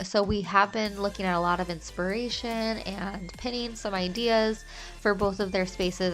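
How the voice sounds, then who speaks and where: A woman's voice: medium pitch, a bit bright. A young woman with a stuffy, nasal voice from a cold, chatting and explaining her way through a casual cleaning vlog voice-over. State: congested with a cold. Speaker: cleaning vlogger and mother. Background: music.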